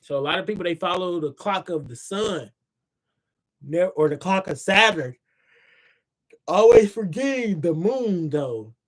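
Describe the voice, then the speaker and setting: A man with a high-pitched voice reads from his own book on a casual livestream, sounding tired. He speaks loosely, repeats himself and asks his viewers to say words back to him. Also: animated, a little slow, pauses often. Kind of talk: casual livestream reading with asides. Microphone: phone or computer mic on a livestream.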